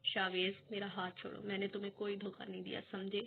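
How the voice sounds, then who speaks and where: A woman voicing a hurt young heroine, tearful but standing her ground, in a flat, gravelly voice. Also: medium pitch, natural voice. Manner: pleading, crying, sharp. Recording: tinny phone-like recording with faint hiss.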